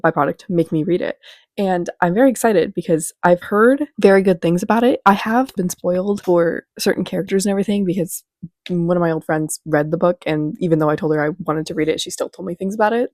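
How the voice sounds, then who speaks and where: A young woman who runs a book vlog recaps a book at home in front of a bookshelf, chatting fast, bubbly and rambling, her voice congested from a cold. Her voice is lowish with a darkish tone. The recording is dry with clean studio sound.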